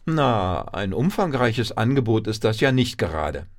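A man's voice: very animated, unhurried. A man voicing a chirpy, boastful female town mouse in a piping voice. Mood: huffy. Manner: squeaky, piping.

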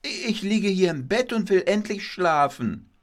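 A man's voice: high voice, lively intonation, unhurried. A man voicing Kasper, a mischievous puppet husband who teases his wife by mishearing her, in a puppet play. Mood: teasing. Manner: playful, feigns mishearing, whiny when scolded.

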